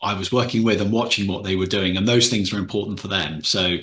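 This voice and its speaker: A man's voice: lowish voice, fairly even intonation, quick pace, a bit bright. Male host, hesitant rambling questions, echoey room on a call. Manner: hesitant, rambling, many restarts. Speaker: podcast host. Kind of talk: casual interview questions.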